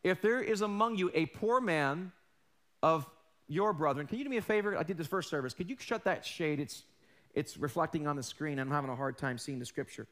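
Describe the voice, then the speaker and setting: On a large church stage, a pastor in his forties preaches a sermon while losing his voice, animated and emphatic as he swings between loud and hushed and calls questions out to the congregation. His pitch is fairly high and his pace a little fast.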